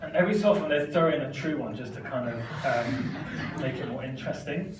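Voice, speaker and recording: A man's voice: mid-range voice, brisk. A man performing stand-up comedy with magic tricks, chatty and self-deprecating, often laughing at his own stories. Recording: echoey room, mic from far off, noisy.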